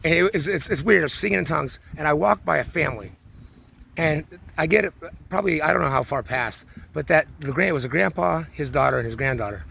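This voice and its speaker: A man's voice: fairly high pitch, fast talker, creaky, pushed and bright, a little hiss or hum. A man in his forties talking through a rambling personal monologue, full of restarts and repeated words. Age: 40s. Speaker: vlogger.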